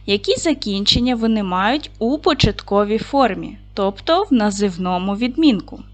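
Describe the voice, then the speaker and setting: A woman teaching a recorded video lesson to fourth graders, speaking clearly and deliberately and reciting short rhymes. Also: mid-range voice. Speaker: primary school teacher.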